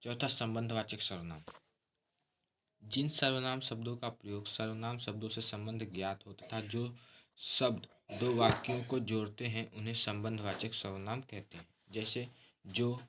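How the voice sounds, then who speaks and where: A man's voice: on the low side, steady tone, normal speed, noisy background. A man teaching a grammar lesson, explaining terms steadily and often addressing listeners as friends.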